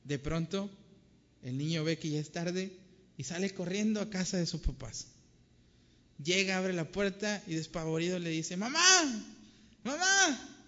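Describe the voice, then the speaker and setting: A man's voice: sits high, moderate pace. A man preaching a sermon and telling an illustration earnestly, in a recording with a dull sound and a long reverb. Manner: earnest, storytelling.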